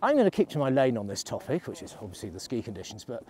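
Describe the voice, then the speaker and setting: A man's voice: mid-range voice, very animated, quick pace, darkish tone. A middle-aged man, vlogging in a chatty, rambling way while out on a snowy ski slope, filming himself at arm's length. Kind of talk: casual vlog while skiing. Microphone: selfie camera at arm's length.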